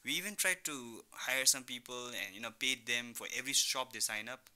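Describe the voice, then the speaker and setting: On a radio studio interview, a young adult online business founder who grew up in Thailand answers as the entrepreneur guest, explaining his points with examples and a frequent "you know." His mid-range voice is bright and forceful, and he talks fairly quickly.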